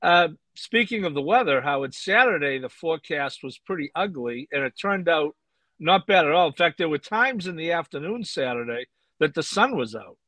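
Man, co-host, measured dry wit, bright forceful tone, dry close sound. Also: on the high side, lively intonation, no room sound. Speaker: co-host and racing analyst. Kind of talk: casual panel chat.

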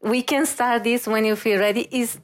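A woman's voice: a little high, fairly even intonation, normal speed. A woman reiki master giving an intuitive reading on a podcast, speaking earnestly and reassuringly. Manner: earnest, warm reassurance, gentle and reflective.

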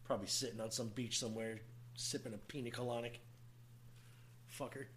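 A man's voice: mid-range voice, fairly even intonation, brisk, a bit bright, a little hiss or hum. A man hosting a podcast in casual comic banter, teasing and swearing freely. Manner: teasing, profane. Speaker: podcast host.

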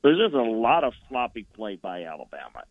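A man's voice: medium pitch, very animated, fairly quick, no room sound. A man giving football analysis as a guest in a sports radio interview. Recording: tinny phone-line sound.

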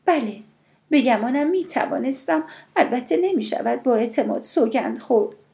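Brief: a woman playing a calm, firm sister in an audiobook, measured and a bit higher than her narrating voice. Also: creaky. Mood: calm reasoning. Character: steady, reasoning adult sister, calm and firm.

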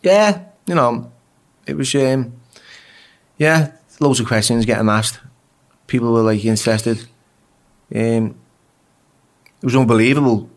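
Speaking unhurriedly and pausing often, an English man with a mid-range voice shares raw prison stories as an interview guest. The talk is casual, full of free swearing, stammers and repeated words.

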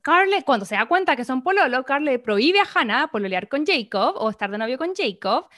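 High bright Chilean woman chatting. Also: fairly quick. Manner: animated, acts out dialogue, laughs. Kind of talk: casual chat retelling a film.

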